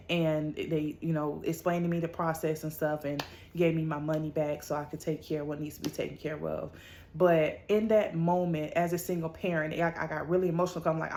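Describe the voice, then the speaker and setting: A woman in her thirties chatting casually to her viewers, telling a personal story with many fillers and warm praise of God. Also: sits low. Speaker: motivational vlogger.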